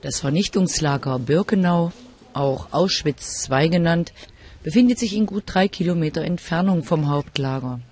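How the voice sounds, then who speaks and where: A man narrates a documentary report in a measured, solemn read. His voice sits slightly high for a man. The delivery is clean and scripted. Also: darkish tone.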